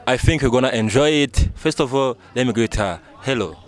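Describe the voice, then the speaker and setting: A man's voice: mid-range voice, brisk. A man hosting a casual street interview, quizzing his guest in a playful, informal way. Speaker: interviewer and channel host. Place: outdoors in a town.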